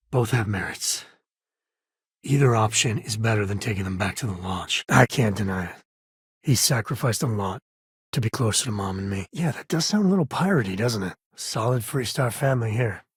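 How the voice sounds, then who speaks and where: This is video game dialogue from companion character Sam Coe, a husky, laid-back space cowboy who travels the frontier with a warm heart and deep devotion to his kids. The man speaks at medium pitch in a folksy, wry, conversational way, sounding sincere, with clean studio audio and no echo.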